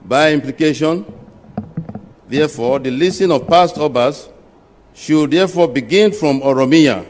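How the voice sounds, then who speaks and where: A man narrating a history documentary in a measured, formal way. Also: on the high side, a little mellow, big-room sound.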